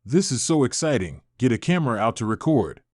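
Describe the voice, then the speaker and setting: Casting: excitable female scientist, eager and rushed, dry close read, man voices her. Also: medium pitch, no echo. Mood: excited. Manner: eager, rushing and pleading. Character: excitable woman scientist on a stranded ship.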